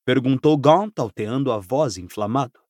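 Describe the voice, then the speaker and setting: A man narrating an audiobook with expressive, dramatic storytelling. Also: mid-range voice, normal speed, no echo, studio quality.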